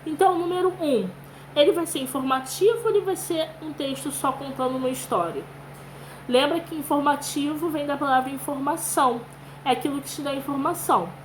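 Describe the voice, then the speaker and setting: A woman's voice: sits high, brisk, a little hiss or hum, poor audio. A woman with a Brazilian Portuguese accent teaching young children, reading aloud and sounding out syllables patiently. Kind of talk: children's lesson with read-aloud.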